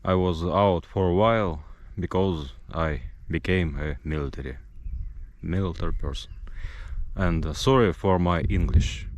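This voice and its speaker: A man who hosts a channel conducts a casual interview in broken English, putting pointed questions to his guest. His voice sits low and he speaks at a measured pace.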